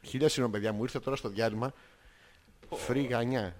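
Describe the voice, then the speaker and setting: A man's voice: medium pitch, steady tone. A young man co-hosting a podcast, joking and teasing his friend in crude, playful banter. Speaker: podcast co-host. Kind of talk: casual comedic chat.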